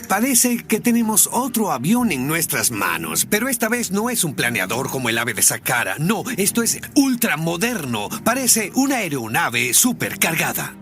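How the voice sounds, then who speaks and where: A high-voiced man gives informal documentary commentary. His delivery swings widely and lands emphatically, with music softly underneath. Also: moderate pace, hardly any pauses. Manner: animated, emphatic. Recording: music behind the voice.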